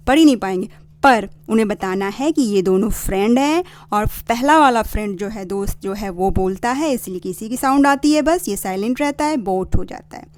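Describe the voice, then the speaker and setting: A woman hosting a parenting channel, slowly and patiently explaining reading rules to parents and sounding out words. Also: on the high side, a little mellow, no room sound. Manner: slow and patient, spelling out sounds. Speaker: parenting channel host teaching phonics.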